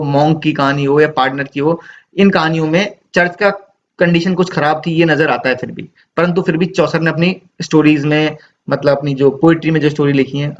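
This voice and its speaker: Male teacher, recorded lecture; patient, repetitive explainer; somewhat high voice, dull lo-fi audio. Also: a little hiss or hum. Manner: explanatory, repeats key points with tag questions.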